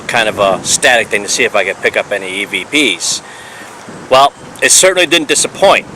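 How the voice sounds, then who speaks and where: A man narrates his ghost-hunting findings in an earnest, explanatory voice-over. His tone is bright and forceful at a middling pitch. A faint hiss of noise sits under the recording. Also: low-quality recording. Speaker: paranormal investigator.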